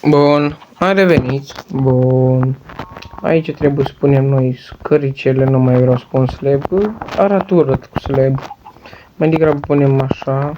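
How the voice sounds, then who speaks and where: A man's voice: medium pitch, steady tone, dull audio. A man giving casual let's-play commentary while building in a game, rambling and joking with his viewers. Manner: rambling, chatty, jokey asides to viewers. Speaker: gaming channel host. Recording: noisy home recording with mouse and keyboard clicks.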